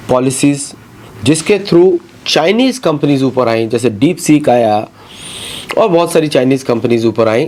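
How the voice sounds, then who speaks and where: A man's voice: fairly high pitch, darkish tone, slight background noise. A man giving emphatic commentary on current affairs, switching between Hindi and English. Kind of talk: talk-show commentary.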